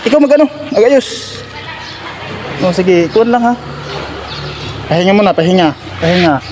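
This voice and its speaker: Male vlog host, Agusan del Sur accent, high-pitched, gently coaxing and repetitive; outdoor street recording with faint background noise. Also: measured pace. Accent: Agusan del Sur Filipino. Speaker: vlogger host. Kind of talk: casual walking vlog.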